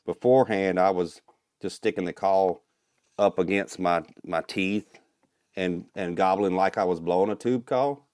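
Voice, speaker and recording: A man guesting on a podcast, explaining things step by step in a relaxed, casual way over a video call. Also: low voice, measured pace, dry recording, clean studio sound. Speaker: guest, turkey call maker.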